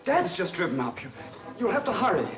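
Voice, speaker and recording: A man's voice: high-pitched, sing-song, a little fast, music in the background. A man playing a flippant but nervous young son in a 1950s film drama. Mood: nervous urgency. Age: young adult. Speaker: actor. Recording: old film soundtrack, background noise.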